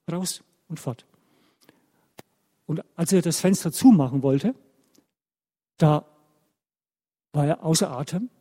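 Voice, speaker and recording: A man telling a story to children in church, animated and often checking in with them. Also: fairly high pitch, in a large hall.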